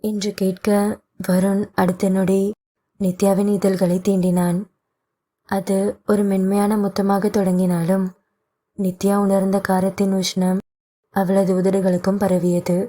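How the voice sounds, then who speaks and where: A woman reads a romance audio novel aloud, taking her time over each line at an unhurried pace. Her voice is dark and mellow, and her pitch barely moves. She keeps the even, measured tone of scripted storybook narration throughout. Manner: slow, even storybook reading.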